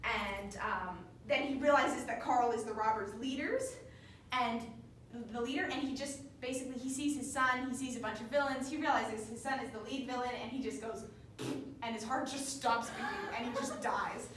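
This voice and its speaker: A woman's voice: a little high, steady tone, normal speed, a bit bright. A young woman student chattily retelling a play's plot to her study group, with sarcastic asides and lots of fillers. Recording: echoey room, distant mic, faint noise.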